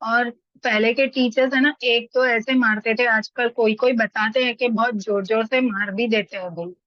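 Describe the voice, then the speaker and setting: A woman's voice: on the high side, steady tone, normal speed, no room sound. A middle-aged woman talking casually in a study group, telling everyday stories and acting out the people she quotes. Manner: chatty, anecdotal, acts out quoted voices. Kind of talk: casual spoken discussion. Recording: dull lo-fi dry sound.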